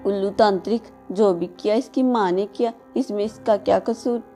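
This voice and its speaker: A woman voicing a kind, motherly bulbul bird in a cartoon, with a gentle, caring manner. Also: medium pitch, moderate pace, faint music behind, natural voice. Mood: protective firm.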